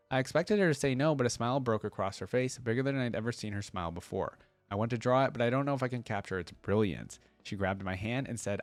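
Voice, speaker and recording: Hosting a reaction video, a man with a lowish voice reads stories aloud and comments on them casually, tossing in informal asides and slangy exclamations. The recording is dry.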